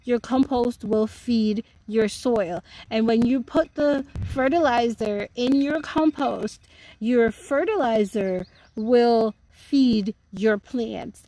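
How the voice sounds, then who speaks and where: Slow, chatty woman touring her garden. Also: on the high side, mellow, rough recording. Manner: chatty, explanatory, talks to viewers directly. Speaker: home gardening vlogger. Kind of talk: casual live-streamed garden tour. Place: outdoors in a home vegetable garden. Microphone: phone.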